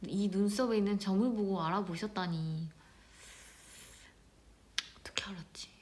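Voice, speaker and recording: A woman chatting casually with viewers on a live stream, playful and giggly, often dropping into a soft whisper. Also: mid-range voice, fairly even intonation, moderate pace.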